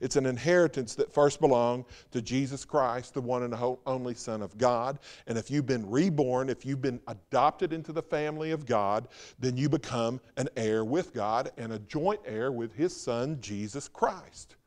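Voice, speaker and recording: A pastor speaks in a medium-pitched voice during a Sunday sermon in a church sanctuary. He shoots out rhetorical questions, then lets his delivery fall hushed and slow to underline his message.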